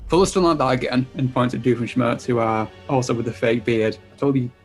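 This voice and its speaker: A man's voice: medium pitch, a little fast, soft background music. A man narrating as game master of a tabletop game in a laid-back way, with frequent chuckles.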